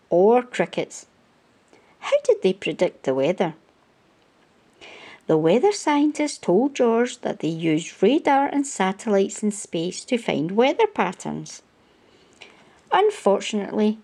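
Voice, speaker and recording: A woman with a medium-pitched voice reads a children's picture book aloud. She is hosting storytime and uses expressive, storyteller-style phrasing.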